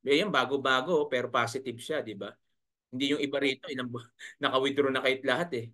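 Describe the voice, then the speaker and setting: A man's voice: mid-range voice, steady tone, quick pace, sharp tone. A man coaching online sellers in a live webinar, in a chiding manner, full of rhetorical questions. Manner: chiding, rhetorical, keeps asking "right?". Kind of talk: live webinar talk, reading viewer comments.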